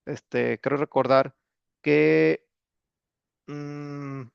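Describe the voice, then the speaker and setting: A man's voice: fairly high pitch, fairly even intonation, very slow, gravelly, smooth, no room sound, highs cut off. Casual man teaching English. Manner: casual, joking, with many fillers. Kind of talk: recorded class explanation.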